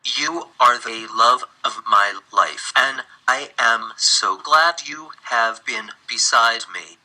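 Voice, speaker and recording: A man in a played demonstration clip, saying personal phrases slowly and deliberately. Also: medium pitch, sharp tone, rough recording. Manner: slow, deliberate and emphatic.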